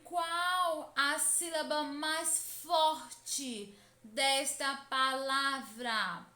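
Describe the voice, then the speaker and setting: A woman, teaching a lesson to children, speaking deliberately, repeating instructions and stretching words out. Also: high-pitched, fairly even intonation, sharp tone, roomy sound.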